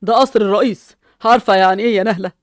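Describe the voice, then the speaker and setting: A woman's voice: medium pitch, steady tone, rapid-fire, no room sound, studio quality, close to an everyday voice. A woman with an Egyptian accent playing a man, a proud father just elected head of the city, who speaks in a firm, self-satisfied way.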